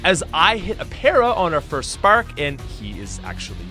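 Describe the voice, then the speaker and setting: Bright, animated young man narrating gameplay. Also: normal speed. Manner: upbeat, chatty, lively swings in pitch. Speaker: gaming YouTuber. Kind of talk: energetic game commentary voice-over. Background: faint background music.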